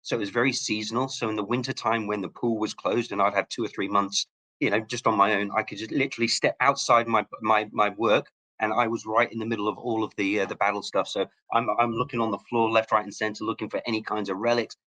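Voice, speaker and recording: Fast-talking man from Hong Kong. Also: lowish voice, fairly even intonation, bright, forceful tone. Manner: rapid, with frequent word restarts. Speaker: guest, local relic hunter. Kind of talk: casual interview storytelling.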